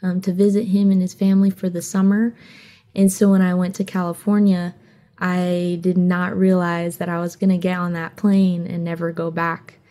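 A young woman from Hawaii, a singer being interviewed, talking openly and earnestly in a casual, soft-spoken way. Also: on the low side, little pitch movement, moderate pace. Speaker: singer guest.

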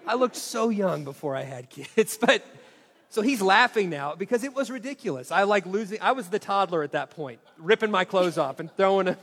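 A high-voiced man in his forties tells a story from the stage, acting out every line of dialogue with self-mocking animation. His voice rings out with a long reverb through a large hall. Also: lively intonation, normal speed, a bit bright. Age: 40s. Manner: acts out quoted dialogue expressively, self-mocking.

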